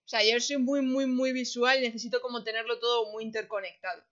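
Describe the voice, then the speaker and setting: A woman hosting a casual podcast chat, lively and colloquial, laughing often. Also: a little high, fairly quick, dull audio. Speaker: host.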